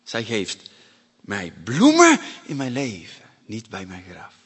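A man preaching a sermon with emphasis, acting out the voices he quotes and breaking into sudden loud bursts. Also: medium pitch, wildly swooping pitch, slow pace, slightly rough. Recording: long hall reverb.

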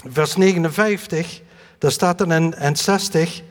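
Male preacher, high pitch, earnest and halting sermon delivery, long church-hall reverb. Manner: earnest, halting with many fillers and restarts.

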